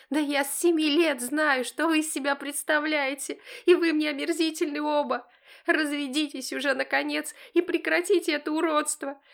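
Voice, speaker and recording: A woman's voice: high voice, creaky, voice pushed up. A woman reading an audiobook, voicing a brazen, venomous teenage girl with sarcastic defiance. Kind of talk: audiobook character voice.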